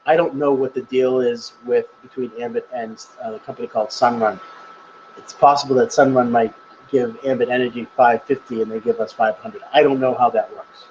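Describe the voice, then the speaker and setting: A man's voice: mid-range voice, steady tone, fairly quick, a little mellow, muffled recording, a little hiss or hum. Chatty man hosting a live Q&A. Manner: chatty and rambling, laughs at himself. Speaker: livestream presenter answering viewer questions. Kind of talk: casual live Q&A. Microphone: webcam or laptop mic on a live stream.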